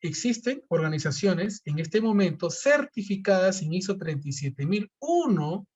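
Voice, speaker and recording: A man's voice: high-pitched, big pitch swings, normal speed, darkish tone, breathy edge. A man giving an online seminar lecture, explaining step by step and posing questions he then answers himself. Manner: explanatory, asks and answers his own questions. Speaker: seminar presenter.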